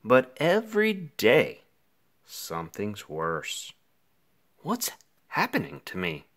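A man reads a rhyming picture book aloud, voicing an anxious, melodramatic five-year-old boy who narrates his woes. His delivery is theatrical and extremely animated, with his pitch leaping up and down. He reads slowly and leaves dramatic pauses.

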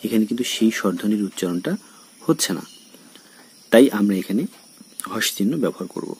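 A man from Bangladesh, a college lecturer, giving a recorded lesson and speaking straight to his students, slowly explaining and repeating example words. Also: fairly low pitch, mellow, husky. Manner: addresses students directly.

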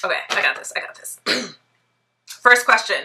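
A Toronto vlogger in her thirties with a Canadian accent chats playfully to camera in a casual Q&A, laughing often, in a bright living room. Her voice is on the high side, creaky and sharp, and moves at a moderate pace.

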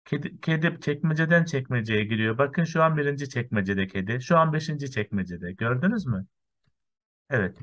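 Male primary teacher, patient, counts step by step, slow lesson for small children. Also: medium pitch, lively intonation, a bit bright. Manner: counts through lists step by step, often saying "sevgili öğrenciler".

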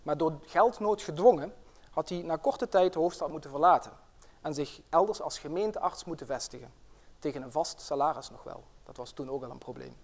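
A middle-aged man who is a professor and family doctor delivers an inaugural lecture in a friendly way. He hesitates with fillers and breaks into storytelling, in a fairly high voice for a man. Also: a little fast. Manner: friendly, with frequent fillers, tells a tale. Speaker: professor and general practitioner.

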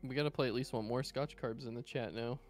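Male streamer, mid-pitched, casual foul-mouthed gaming banter. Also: steady tone, fast talker, soft background music. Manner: loose, joking, swears freely. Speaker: streamer playing with friends. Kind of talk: casual gaming chat on voice call.

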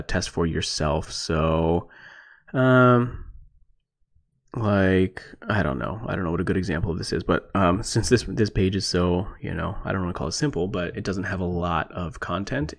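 A man giving a casual screencast lesson as an instructor, thinking aloud in a relaxed way with many fillers. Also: low-pitched. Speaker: programming instructor. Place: indoors at a computer, voice-over on screen recording.

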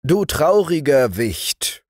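A man's voice: a little high, big pitch swings, slow, dry recording, clean studio sound, voice pushed up, full character voice. A man doing a bold defiant shepherd. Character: bold young male shepherd hero.

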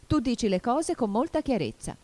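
A woman's voice: on the high side, sing-song, moderate pace, dark tone, voice pushed up. A fussy, moralizing storybook duchess lectures in a sing-song lilt, as a woman reader puts her on. The voice is raised above the reader's own and rises and falls widely.

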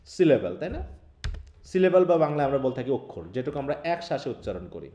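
The recording is dull and echoey as a Bangladeshi Bengali-accented man teaches English online. His mid-range, warm voice swings widely in pitch and runs a little fast, and he explains step by step while frequently asking students questions.

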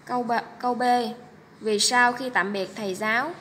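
Bright-voiced woman teacher reading slowly. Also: on the high side, steady tone, a little hiss or hum. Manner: slow, clear, syllable-by-syllable teaching delivery. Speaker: primary school teacher. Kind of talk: reading lesson for first graders.

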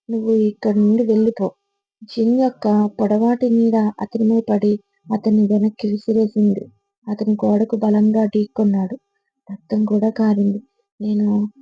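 A woman's voice: mid-range voice, husky, no room sound. A woman narrating a first-person horror story in a tense, dramatic storytelling manner. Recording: slightly muffled, faint music behind.

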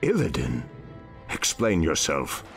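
A grave ancient archdruid, a night elf man speaking in a very deep, low voice. He is solemn and measured, the way a game cutscene is delivered. Faint music plays behind him. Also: wildly swooping pitch, gravelly, exaggerated voice. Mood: stern. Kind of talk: video game cutscene voice acting.

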